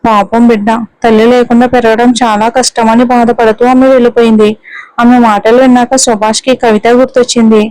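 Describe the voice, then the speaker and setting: Female storyteller, higher voice, flat steady delivery, dry close sound. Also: no echo, low-quality recording. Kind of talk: scripted narration.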